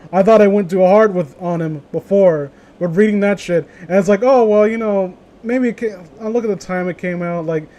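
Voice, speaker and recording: His voice sits high with a darkish tone. As a streamer hosting a group story reading, he chats casually, rambling freely, voicing strong opinions and swearing plenty.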